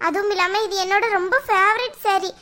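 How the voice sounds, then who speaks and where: A young woman with a very high, bright voice pleads tearfully in a family drama. She is acting in a home scene, and her tone stays crisp and sharp. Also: steady tone, fairly quick, slight background noise. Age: young adult. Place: indoors at home.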